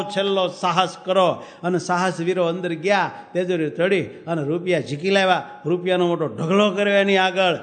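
Preacher guy, lively storyteller, chants verses, echoey hall. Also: high voice. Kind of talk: storytelling sermon. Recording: reverberant hall with faint music.

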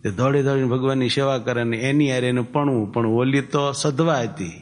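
A male preacher, speaking at a middling pitch. He talks in a storytelling way, quotes old scripture verses, and then unpacks them in a plain, folksy way. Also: fairly even intonation, fairly quick. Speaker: religious preacher. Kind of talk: sermon with storytelling.

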